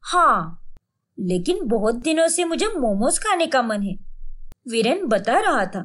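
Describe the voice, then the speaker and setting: A woman's voice: a little high, big pitch swings, a little slow, a bit bright, exaggerated voice. A woman voicing a sly, complaining young daughter-in-law in a cartoon story. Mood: coaxing. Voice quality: whiny, sarcastic.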